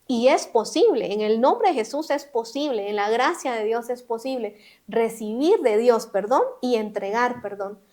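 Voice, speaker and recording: A woman with a slightly high-pitched voice hosts a faith podcast. She retells a parable and exhorts her listeners in an earnest, preacherly way. Her delivery stays conversational. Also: a little mellow. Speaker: podcast host.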